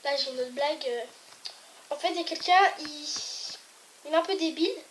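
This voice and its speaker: A woman's voice: high-pitched, a little fast, slight background noise. A woman telling jokes casually to her viewers, hesitant and rambling, stopping to restart and apologize. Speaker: joke teller. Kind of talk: casual joke telling to camera.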